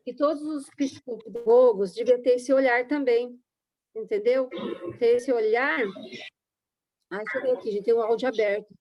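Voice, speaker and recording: A woman teacher speaks in a high voice. She talks to her online class in an easy, chatty way and keeps checking in with her listeners. She works as a teacher and educational psychologist. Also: normal speed, dull audio. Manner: chatty, addresses audience as "gente", frequent "né?" and "sabe?". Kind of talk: casual online class talk.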